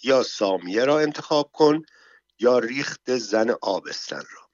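A man narrating an audiobook in a steady, measured storytelling manner, on a dull, dry recording. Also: medium pitch, dry recording.

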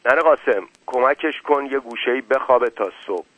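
A man voicing a tough, quietly commanding gang leader, in a dry, phone-like recording. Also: mid-range voice, dry recording, natural voice. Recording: dry, phone-like narrow sound.

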